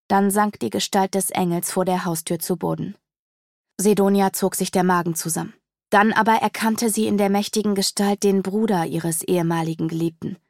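A woman reading a fantasy audiobook aloud in a steady storytelling manner. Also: mid-range voice, no echo, studio quality. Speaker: audiobook narrator. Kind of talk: scripted fantasy audiobook narration.

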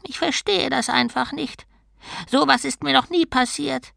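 A woman's voice: high-pitched, a little slow, creaky, a bit bright, no echo, clean studio sound, voice pushed up, full character voice. A woman voicing a grumpy male god trapped as a small tortoise, indignant and sarcastic, in an audiobook. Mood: sorrowful. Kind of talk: audiobook character voice.

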